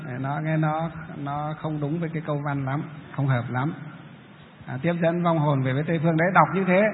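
A man's voice: on the high side, slight background noise. A male Buddhist monk giving a dharma talk, patiently explaining and answering audience questions. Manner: explains patiently, breaks into chanting demonstrations. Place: large lecture hall. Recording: tinny, echoey hall recording.

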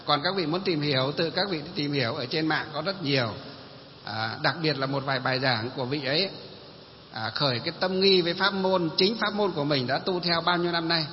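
A man's voice: fairly high pitch, a little fast, a little hiss or hum. Man preaching with rhetorical questions, echoing hall. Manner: poses rhetorical questions and answers them himself. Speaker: Buddhist preacher. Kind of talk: sermon. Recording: long hall reverb, dull lo-fi sound.

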